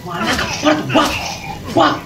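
A young man playing a horror game with a friend, excitable and shouting insults at the enemies. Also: very high-pitched. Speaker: co-player. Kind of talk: casual let's-play banter. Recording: echoey, distant, noisy mic.

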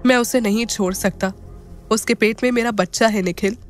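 A woman's voice: fairly high pitch, fairly even intonation, normal speed, faint music behind, close to an everyday voice. A woman voicing an angry, remorseful young husband in an audio drama, talking in a heated, pleading way.

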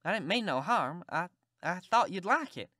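A woman's voice: lowish voice, expressive, normal speed, pushed and bright, no echo, clean studio sound. A woman voicing Tom Sawyer, a cheeky Southern boy who talks in a polite, mock-innocent drawl.

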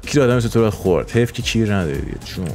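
Crude, teasing man with a lively voice. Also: fairly low pitch, soft background music. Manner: teasing, flirtatious and crude, often laughing. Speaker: streamer role-playing in a crime game. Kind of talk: crude improvised role-play banter.

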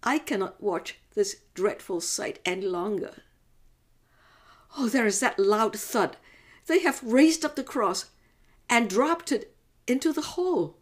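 A woman playing an anguished, devout middle-aged mother in a slow, emotive religious monologue, pleading as she grieves for her son. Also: on the high side, animated. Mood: horrified, grieving.

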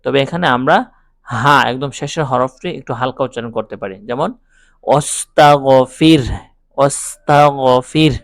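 A man teaching a Quran lesson, explaining pronunciation step by step and reciting verses slowly in a chanting melody. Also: mid-range voice, creaky, fairly bright tone, no echo, studio quality.

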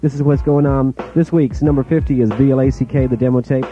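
A male DJ is heard through a muffled, lo-fi pirate radio broadcast, with music thumping steadily underneath him. His voice sits at an ordinary middle pitch as he rattles off chart entries in short, clipped bursts. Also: fairly even intonation, quick pace, warm tone. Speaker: radio DJ and host. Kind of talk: hip hop chart countdown on air. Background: music playing under the voice.

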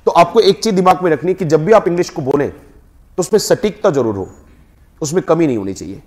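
A man's voice: fairly high pitch, lively intonation, fairly quick, darkish tone. A man with an Indian accent teaching a spoken English class, prompting students to repeat words after him.

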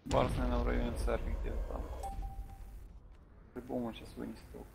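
Gravelly man giving quick team callouts. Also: mid-range voice, monotone. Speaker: player. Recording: loud background noise.

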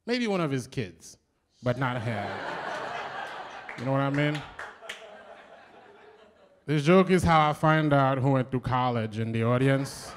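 A man's voice: mid-range voice, unhurried, long pauses, background noise. A man with a Haitian accent, from Haiti, doing a live stand-up set with a punchy, wry delivery. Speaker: stand-up comedian. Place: live comedy show stage.

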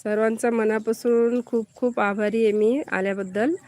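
A woman's voice: fairly high pitch, fairly even intonation, normal speed, a little mellow. A woman from Maharashtra hosting a live stream, chatting casually and answering viewers' comments as she greets them by name.

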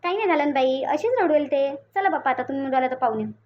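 A woman's voice: sits high, very fast, lo-fi sound, a little hiss or hum, natural voice. A woman voicing an easygoing, dismissive household woman with a Varhadi Marathi accent. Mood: offhand. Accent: Vidarbha Marathi (Varhadi). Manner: offhand, dismissive. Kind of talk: cartoon voice acting.

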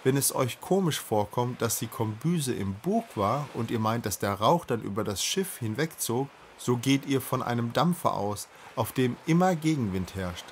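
A man reading a children's novel aloud in a calm, measured way. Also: mid-range voice, slight background noise. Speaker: audiobook reader.

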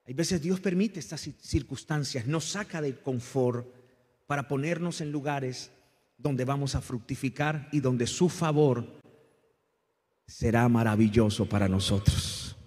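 Husky-voiced preacher in a reverberant church. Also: male voice, measured pace, darkish tone. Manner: impassioned preaching, rising and falling in pitch and volume; calls on the congregation to repeat after him. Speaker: pastor. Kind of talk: sermon. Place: church hall.

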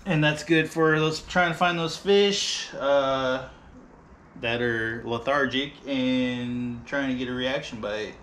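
Thirties male vlogger, bright tone, loose rambling delivery, close camera mic in a garage, faint hum. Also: mid-range voice, slow pace. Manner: relaxed, rambling, many ums and uhs. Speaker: fishing vlogger. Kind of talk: casual gear walkthrough. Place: garage, seated by boat gear.

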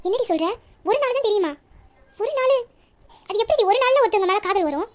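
A woman voicing a pushy young best friend, very high voice. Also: rapid-fire. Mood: astonished. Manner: insistent, probing questions. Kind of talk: audio story reading.

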